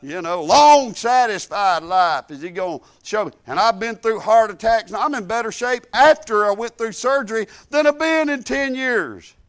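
High-voiced fervent middle-aged man preaching. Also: expressive, moderate pace, few pauses, a bit bright, clean tone. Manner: fervent, folksy, peppered with hallelujahs. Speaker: church speaker. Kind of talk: sermon testimony.

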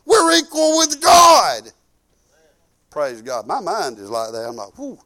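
Here the Southern preacher in his fifties speaks slowly in a high voice with huge pitch swings. It's a conversational, folksy sermon built on anecdotes and prayer, dotted with praise, moving emphatically between soft asides and loud proclamations.

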